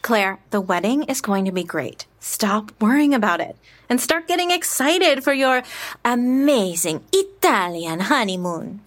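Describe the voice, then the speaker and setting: Upbeat friend, higher-pitched. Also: female voice, sing-song, unhurried. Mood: reassuring. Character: upbeat, teasing, reassuring woman friend of the bride. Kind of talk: scripted audio drama, casual chat.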